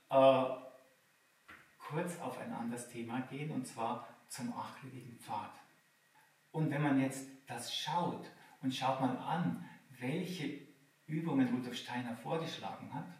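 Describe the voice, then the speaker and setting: A man giving a live lecture, explaining patiently and checking in with his listeners through questions. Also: medium pitch. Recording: very echoey room, mic far off.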